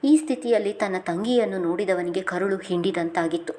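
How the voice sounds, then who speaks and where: A woman's voice: fairly quick, a little mellow. A woman narrating a family drama in style, raising her voice for the characters' lines. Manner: lifts pitch and volume for characters' dialogue.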